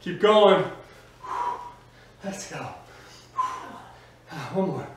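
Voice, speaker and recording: Extremely slow yet animated, this man's slightly high voice coaches an aerobics workout with motivational urging and short called-out cues while he exercises. He is a fitness instructor in a small indoor home gym with bare walls. The sound is echoey, with a distant mic and faint noise.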